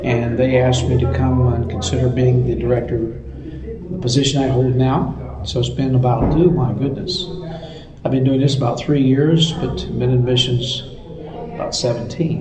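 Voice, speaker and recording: A man with an American accent giving halting, conversational answers in an interview as a missions director. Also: medium pitch, steady tone, crowd noise. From United States. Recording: roomy echo, distant mic, faint noise.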